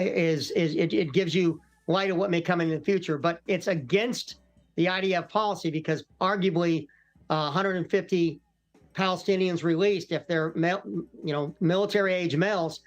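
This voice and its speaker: Middle-aged American male security expert, calm and explanatory, fairly high voice, live news analysis. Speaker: retired military commander and hostage expert guest.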